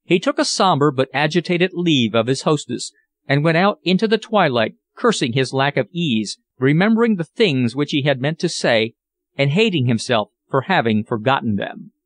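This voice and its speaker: A man narrating an audiobook in a measured, expressive way. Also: on the high side.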